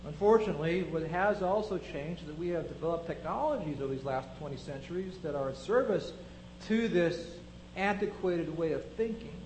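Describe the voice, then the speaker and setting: High-voiced man preaching in an echoey room. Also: expressive, fairly quick, a little mellow, a little hiss or hum. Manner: reflective, building rhetorical questions. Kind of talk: sermon.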